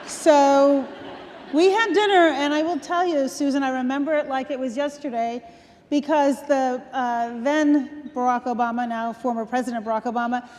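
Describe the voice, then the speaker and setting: A woman in her sixties, a guest on stage, telling stories from her life in a relaxed conversational way, laughing between points. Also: high-pitched. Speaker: guest speaker. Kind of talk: onstage conversation. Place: large event hall. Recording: long hall reverb.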